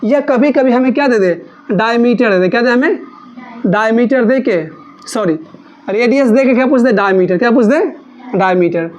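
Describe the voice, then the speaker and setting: Teacher drilling terms, call-and-response. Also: female voice, fairly high pitch, normal speed, darkish tone, dull audio. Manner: asks questions and answers them herself in call-and-response; repetitive, coaxing drill of key terms. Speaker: maths teacher. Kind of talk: classroom maths lesson.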